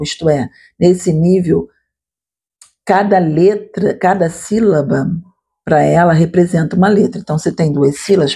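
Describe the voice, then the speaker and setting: Mellow, husky woman teaching. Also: sits low. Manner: explanatory, addresses listeners directly with frequent "tá?" and "né?". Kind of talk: explanatory lecture.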